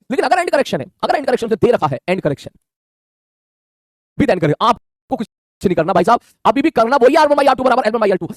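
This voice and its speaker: A man teaching a physics lesson online, talking in a quick, colloquial way and checking in with his students constantly. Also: extremely high pitch, dry recording, studio quality. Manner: rapid colloquial Hindi, calls students "mere bhai", frequent "theek hai".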